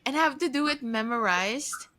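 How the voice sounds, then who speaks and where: This podcast co-host, a woman in her early thirties from the Philippines who lives in Japan, chats casually with an old friend. Her voice sits high, with lively intonation and a sharp tone, and the recording has no room sound. She laughs frequently and speaks in rapid bursts, starting sentences over.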